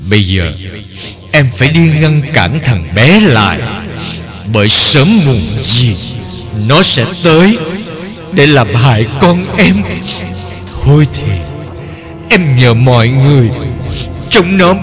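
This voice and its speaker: A man's voice: medium pitch, lively intonation, takes it slowly, long pauses, music in the background. Man voicing a pleading, grief-struck young mother. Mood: desperate. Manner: pleading, tearful.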